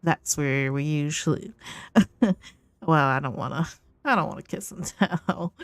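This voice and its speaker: A coy, flirtatious woman under questioning, acted out by a woman game master, dodging with playful evasions. Her voice sits low and is captured close and dry, as in a tabletop game session. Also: a little slow, no echo. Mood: coy, evasive.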